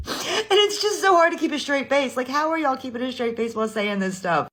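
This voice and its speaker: A man's voice: very high-pitched, lively intonation, fairly quick, pushed and bright. A man in his thirties telling family stories in a casual, chatty way, laughing often. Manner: laughs often, chatty, lots of filler likes. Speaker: commentary host. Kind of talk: casual storytelling.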